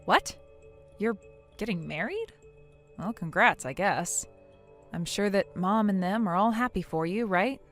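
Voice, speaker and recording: A woman's voice: mid-range voice, expressive, a little slow, pauses often, soft background music, lightly acted. A woman playing a weary, sarcastic younger sister in a scripted audio story, speaking in a dry, curt, guarded way.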